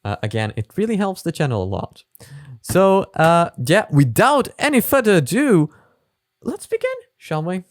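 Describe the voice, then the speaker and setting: A man chatting through a reaction video, rambling with lots of fillers. His pitch moves around in a lively way, and the recording sounds dry and close. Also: moderate pace, dry recording. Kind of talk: casual reaction commentary.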